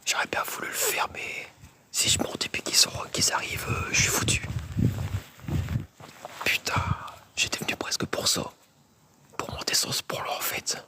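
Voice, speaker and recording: A man's voice: normal speed, pauses often, bright, forceful tone. A man vlogging while exploring an old factory site, whispering tensely and swearing often. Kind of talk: whispered casual vlog narration.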